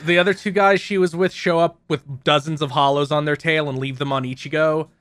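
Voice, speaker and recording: A man with a bright, forceful tone and a fairly high voice runs through episode plots in casual, profane podcast chat. His recording is close and very dry. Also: fairly even intonation, fairly quick, smooth, no room sound. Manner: rambling plot recap with frequent profanity and laughs. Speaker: podcast co-host recapping episodes.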